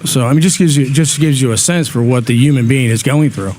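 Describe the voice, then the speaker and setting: A man's voice: medium pitch, a little fast, darkish tone. A man interviewed as a guest on a talk show, talking earnestly about community aid, often repeating words as he thinks aloud. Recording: faint background noise.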